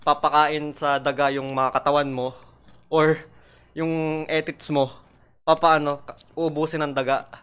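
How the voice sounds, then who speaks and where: Smooth-voiced young man, chatty. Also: on the high side, level tone, unhurried, long pauses, fairly bright tone. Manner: stumbles over words, many fillers. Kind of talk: casual chat among friends.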